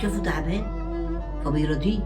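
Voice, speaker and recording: Cast an actress as an older Egyptian mother-in-law: bossy, loud, fast-talking, in a roomy space. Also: low-pitched, close to an everyday voice. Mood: scolding. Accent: Egyptian Arabic. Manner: loud, scolding, quick to flare up. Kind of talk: short-film acting. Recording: roomy echo, faint music.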